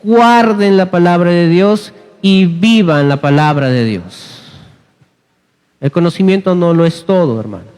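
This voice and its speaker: A man's voice: sits high, lively intonation, unhurried, darkish tone, clear, resonant tone. A man from Peru preaching a sermon in a church, exhorting the congregation and dropping humorous asides. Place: church hall. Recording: long church reverb.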